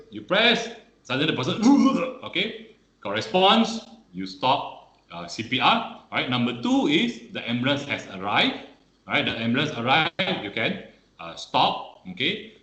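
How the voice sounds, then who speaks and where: A man's voice: medium pitch, pushed and bright, echoey room, poor audio. A man teaching first aid on an online webinar, peppering his speech with "all right" and "okay".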